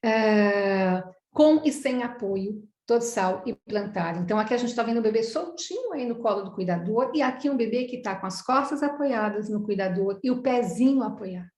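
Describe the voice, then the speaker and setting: A woman's voice: a little high, expressive, moderate pace, darkish tone, echoey room. A middle-aged Brazilian woman giving an online lecture to professionals, explaining things step by step and answering her own questions. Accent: Brazilian Portuguese. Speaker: psychoanalyst lecturer. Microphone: video call.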